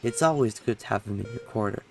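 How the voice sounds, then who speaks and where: A man's voice: fairly low pitch, quick pace, creaky, a little mellow, soft background music. A young man playing a story game, reading its text aloud and breaking off into rambling, self-correcting commentary. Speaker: game streamer.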